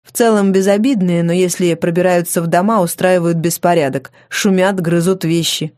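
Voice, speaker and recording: A woman's voice: on the low side, steady tone, normal speed, darkish tone, close to an everyday voice. Woman voicing a curt, aloof nobleman. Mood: dry. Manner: dry, methodical, clipped replies. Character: terse, aloof grown man of noble house.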